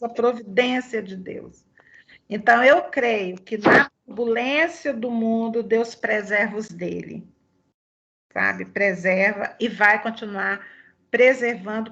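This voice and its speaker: Gravelly Brazilian woman teaching Bible study. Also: a little high, a bit bright. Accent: Brazilian Portuguese. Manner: chatty, fervent, peppers talk with "sabe?". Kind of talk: conversational Bible teaching with personal testimony. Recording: dull lo-fi recording.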